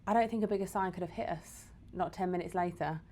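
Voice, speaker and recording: A fairly low, dark voice belongs to this fast-talking Englishwoman, co-hosting a podcast from her UAE home. She chats, laughs, and teases throughout.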